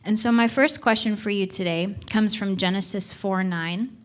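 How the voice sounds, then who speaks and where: A woman's voice: medium pitch, moderate pace. A young woman, a church missions director, giving an earnest, chatty talk from a stage, with fillers and self-corrections. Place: church hall.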